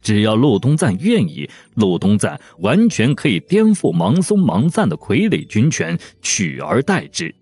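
A man narrating a novel as an audiobook with expressive storytelling. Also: lowish voice, unhurried, few pauses, slightly rough.

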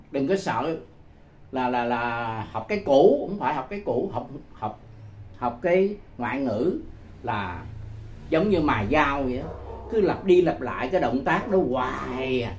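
A man walks listeners through a casual language lesson at an unhurried, deliberate pace. His voice sits at an ordinary middle pitch for a man. He says each phrase over and over with patient care and chuckles often between them. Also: lively intonation, darkish tone, slight background noise. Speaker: English teacher.

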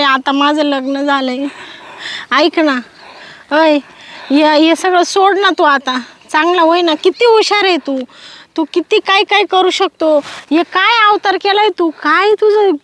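A woman's voice: high voice, fairly bright tone. An actress playing a married village woman tenderly scolding and consoling her heartbroken former lover in a Marathi comedy sketch.

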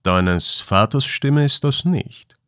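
A man voicing a calm, kindly older male mining engineer who speaks in a measured way, in a storybook reading. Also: medium pitch, clean tone, dry recording, clean studio sound, voice pushed up.

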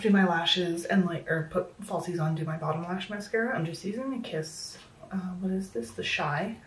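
A medium-pitched woman in her thirties, a makeup vlogger, chats casually through a tutorial in her small home room, self-deprecating and heavy on fillers. Her voice is slightly going and sounds a little worn. The audio has roomy echo, a bit of distance from the mic, and slight background noise.

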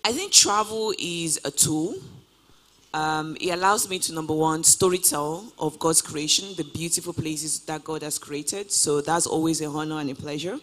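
A woman in her twenties, a guest traveler, answers interview questions on stage in a large auditorium, speaking into a handheld mic. Her low-sitting voice has a fairly bright tone and a moderate pace, and she is upbeat and casual, full of "you know" fillers.

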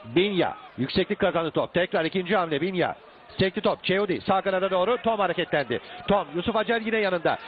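Guy calling a football match, high excited shouty voice, thin phone-line audio w/ some noise. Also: quick pace. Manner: raises his voice to shouting at attacks. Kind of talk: excited live play-by-play football commentary. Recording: tinny phone-like band, some outdoor background noise.

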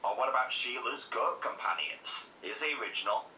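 A man narrates a scripted, critical game review, sarcastic and opinionated, speaking fairly quickly in a pushed, bright mid-range voice. The mic is distant in an echoey room, with faint noise.

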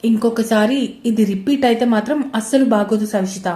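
A woman's voice: medium pitch, fairly even intonation, fairly quick, warm tone, close to an everyday voice. A woman voicing a stern young man who scolds firmly, in a roomy-sounding recording. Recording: roomy echo.

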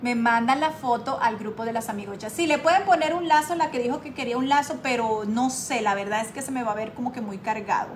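A woman hosting a casual live craft tutorial, chatting warmly with her viewers and reading their comments aloud. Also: a little high, quick pace, hardly any pauses, slight background noise. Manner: chatty, affectionate, calls viewers "my girls", reads comments aloud. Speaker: craft livestream host.

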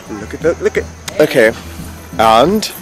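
A man's voice: fairly high pitch, expressive, slow, soft background music. A middle-aged man speaking in flamboyant, mock-archaic Renaissance fair speech as he hosts a handheld vlog outdoors. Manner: theatrical, flamboyant, mock-archaic courtly wording. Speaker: tarot reader at a Renaissance fair, vlog host. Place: outdoors at a fairground lane with stalls. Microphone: handheld phone at arm's length.

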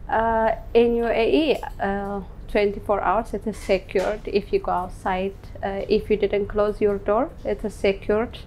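A woman in her thirties from Ethiopia, a salon owner answering interview questions in simple English with many pauses and fillers. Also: mid-range voice, little pitch movement, darkish tone, a little hiss or hum. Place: indoor room. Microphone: lapel mic.

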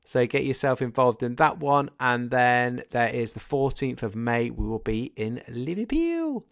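Very animated yet a little slow, with vocal fry in a mid-range voice, a Scouse man in his thirties co-hosts a podcast. His casual chat is jokey and rambling, packed with fillers, captured indoors in a home room on a desk condenser mic over a video call.

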